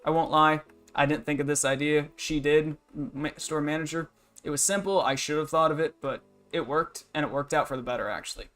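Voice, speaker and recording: A man in his twenties, streaming games, rambles casually and vents about work with blunt matter-of-factness. His bright voice is on the high side and a little fast, and faint music sits behind it.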